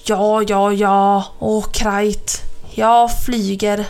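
A woman voicing a cheeky, selfish male crow in a children's story, speaking brashly and a little loudly. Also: mid-range voice, flat delivery, smooth, close to an everyday voice.

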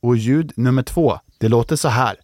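A man's voice: mid-range voice, a little mellow, dry recording, studio quality. A man hosting a children's podcast, telling jokes and reading out riddles in a playful way, stretching out the questions. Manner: jokey, drawn-out riddle reading.

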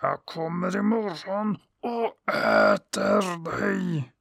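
Man doing a brutal male sun, slow drawn-out threats, raised pitch, gravelly. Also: wildly swooping pitch, fairly bright tone, dry recording, clean studio sound, heavily acted. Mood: menacing.

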